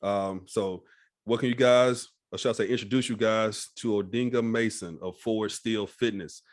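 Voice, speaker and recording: A man's voice: lowish voice, fairly even intonation, moderate pace. A man hosting a podcast interview, laid-back and casual, often tagging "all right?" and swearing freely. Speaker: podcast host.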